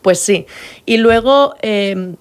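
A woman from Murcia with a Spain Spanish accent, an author talking in a casual interview in a lively, playful way and laughing often. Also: medium pitch, slow. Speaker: author and guest.

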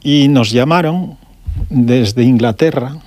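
A man's voice: medium pitch, darkish tone, no echo. Older Galician-born man, dry studio sound. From Galicia, Spain. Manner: unhurried storytelling with pauses and restarts. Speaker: guest, electronics shop owner. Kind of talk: radio interview. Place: radio studio.

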